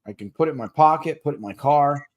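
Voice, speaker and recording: Speaking quickly in a slightly high voice, a man runs a laid-back livestream for people recovering from gambling. His delivery is straightforward and full of slang; he addresses listeners directly with advice and breaks into easy laughter between points.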